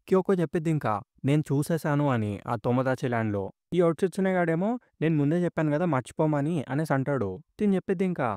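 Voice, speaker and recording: A man retelling a manga story in a casual, brisk way, reading the characters' lines in a lower, softer voice. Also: dry recording, studio quality. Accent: Telugu-English mix. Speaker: manga narrator.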